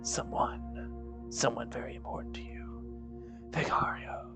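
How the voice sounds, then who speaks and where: A man voicing a cold, scornful telepathic alien empress in a slow, mocking whispered role-play over faint music. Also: close to an everyday voice. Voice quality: hushed whisper. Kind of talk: whispered role-play reading game dialogue.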